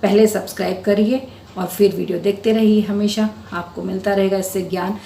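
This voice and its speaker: A woman's voice: mid-range voice, fairly even intonation, normal speed, vocal fry, warm tone, roomy sound, a little hiss or hum. A woman teacher patiently explaining a school Hindi lesson to children, step by step. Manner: addresses students affectionately as beta.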